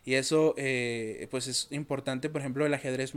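A man's voice: mid-range voice, fairly even intonation, normal speed, clean tone. A young man hosting a casual interview, a chess teacher who talks at length and explains with examples and many fillers. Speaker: podcast host and chess teacher.

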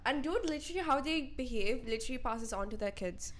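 A young woman co-hosting a casual podcast, animated and talking straight to her listeners. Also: sits high, fast talker, a little hiss or hum. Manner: animated, addresses listeners directly. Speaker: podcast co-host.

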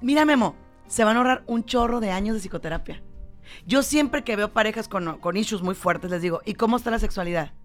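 A woman's voice: mid-range voice, brisk, faint music behind. A woman, a psychologist on a casual talk show, teasing her co-host and giving frank advice to viewers. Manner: lively, teasing, gives advice directly to viewers.

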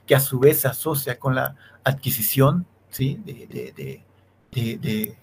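Man explaining in halting lecture style. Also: medium pitch, very animated, gravelly, a little mellow, slight background noise. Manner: keeps checking in with a questioning "sí", many restarts and fillers. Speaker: law lecturer, interview guest. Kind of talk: academic explanation in an interview.

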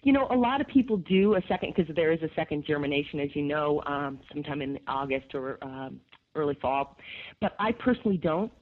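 A woman from upstate New York with a gravelly voice, chatting enthusiastically as a garden expert guest in a radio interview, with lots of fillers. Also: low-pitched, expressive, brisk. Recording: tinny phone line.

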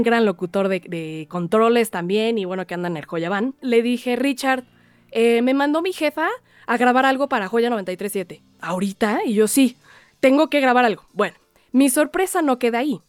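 A woman's voice: fairly high pitch, smooth, no echo. A young woman, hosting an interview and telling an anecdote animatedly, acting out quoted voices. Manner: lively, acts out quoted voices, laughs often.

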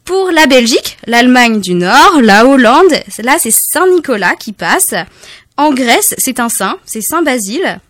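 A woman with a slightly raised voice talks in a relaxed, unscripted way, pausing on fillers and laughing at her own mistakes. The sound is dry and close, with no room around it. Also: high-pitched, no echo. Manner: hesitant, many fillers, laughs at own slips.

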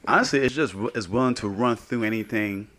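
A man's voice: lowish voice, a little fast, fairly bright tone. A man co-hosting a casual podcast, talking in an earnest, reflective way and often checking in with "you know what I mean". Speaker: podcast co-host.

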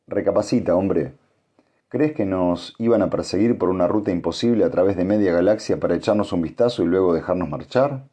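A man's voice: low voice, warm tone. A man voicing a weary older male scholar in a storybook reading, talking in a tired, reasoning tone.

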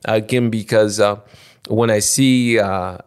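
A man in his sixties from Ecuador, a podcast guest talking off the cuff in halting, restarting phrases. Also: on the low side, steady tone, clear, resonant tone. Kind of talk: spontaneous conversation.

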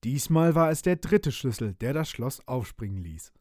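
Lively man reading a children's story. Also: mid-range voice, moderate pace, no echo, studio quality. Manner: lively, expressive, voices the characters. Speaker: narrator.

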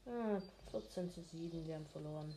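A woman giving casual, low-key, mildly grumbling commentary on her own gameplay. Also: fairly quick, dark tone, slight background noise. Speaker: gamer commentating own play.

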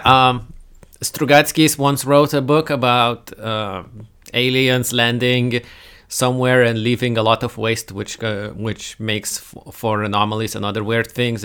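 A man's voice: medium pitch, fairly bright tone, clean tone. A man hosting a casual tabletop game podcast, talking with a co-host, hesitant with many fillers.

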